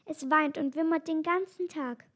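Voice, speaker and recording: A woman reading aloud and voicing an upset lioness mother who scolds her mate in an excited, high voice. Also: moderate pace. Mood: worried.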